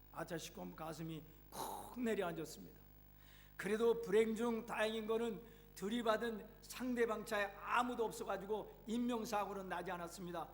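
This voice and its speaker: A male pastor with a high-pitched voice tells a sermon story with dramatic flair. His voice rings in a church hall with a long reverb. A faint hum runs underneath.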